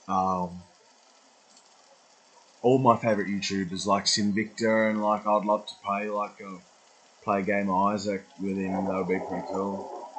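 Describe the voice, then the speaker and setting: A man's voice: lowish voice, little pitch movement, measured pace, long pauses, slight background noise, poor audio. A man in his twenties rambling through a casual vlog monologue, swearing freely and losing his track. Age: 20s. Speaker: vlogger.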